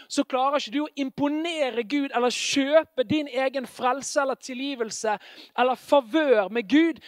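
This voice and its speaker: A man's voice: extremely high pitch, no room sound. A man preaching a sermon in a fervent, emphatic way, with exclamations of praise. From Norway.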